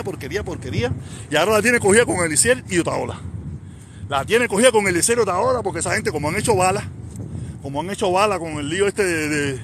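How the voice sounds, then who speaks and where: A middle-aged man with a Cuban Spanish accent hosts a casual live stream and talks back to viewer comments in a boastful, rambling way. His voice sits a little high. Outdoor noise and passing planes are loud behind him on a phone with headphones. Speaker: livestream host reading viewer comments.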